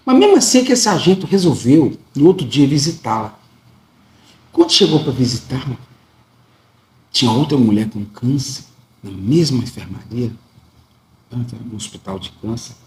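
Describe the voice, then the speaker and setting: A man's voice: medium pitch, very animated, moderate pace, long pauses, a little mellow, reverberant, slight background noise. A man with a Brazilian Portuguese accent retelling a religious testimony in a plain, repetitive storytelling way.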